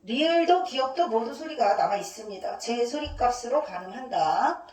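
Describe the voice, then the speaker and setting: A woman teacher lectures a class in a high, very animated voice, quizzing the room and answering her own questions. She drills letters one by one. The sound is roomy and echoey, caught from some distance off the mic. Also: normal speed. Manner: asks questions and answers them herself.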